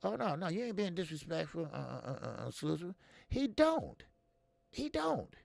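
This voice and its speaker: A man's voice: on the high side, sing-song, moderate pace, vocal fry, a little mellow, dry recording. A man in his fifties hosting a casual boxing talk stream, blunt and talkative, answering viewers' comments as he goes. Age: 50s. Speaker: boxing show host.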